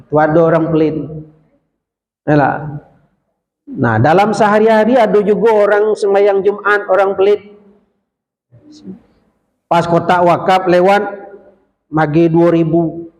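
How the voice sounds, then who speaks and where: Slow-spoken man preaching in an echoing hall. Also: high-pitched, darkish tone. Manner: storytelling, addresses the audience directly. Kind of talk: short Ramadan sermon. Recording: long hall reverb.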